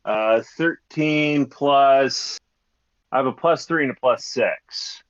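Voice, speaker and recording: A man playing a tabletop game, talking in a slow, deliberate way. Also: medium pitch, muffled recording. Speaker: player.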